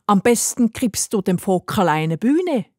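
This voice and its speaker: A woman reading a storybook, voicing an old grandfather who speaks gently and knowingly, slightly lower than her own voice. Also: sing-song, measured pace, no room sound, studio quality. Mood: gentle. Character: wise, warm old grandfather.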